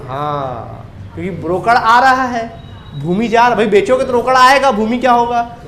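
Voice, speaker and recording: Male commerce teacher, high voice, roomy classroom echo, quizzing his class. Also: normal speed, fairly bright tone, a little hiss or hum. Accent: Chhattisgarhi Hindi. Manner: drills students with repeated questions. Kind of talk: classroom lecture.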